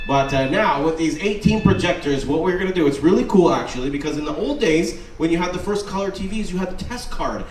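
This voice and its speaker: A man's voice: on the high side, animated, fairly quick, hardly any pauses, darkish tone. Upbeat male presenter in an echoey venue. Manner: upbeat, enthusiastic showman. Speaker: cruise director presenting a venue. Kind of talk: live stage presentation to an audience. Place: large indoor ship theater venue. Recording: roomy, distant venue sound with faint noise.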